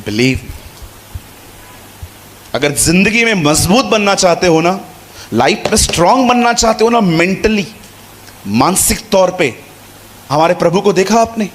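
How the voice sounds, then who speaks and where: His voice sits high and animated, the pace unhurried with frequent pauses. Preaching to a congregation in conversational Hindi, he repeats himself and dramatizes little dialogues.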